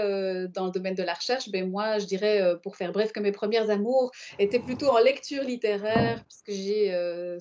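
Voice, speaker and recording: A woman in her forties with a Belgian French accent speaks on a video call from a room at home. She talks fluently and warmly, with small fillers here and there. Her pitch sits in a middle range. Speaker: professor. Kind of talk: online panel introduction. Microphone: laptop webcam mic, video call.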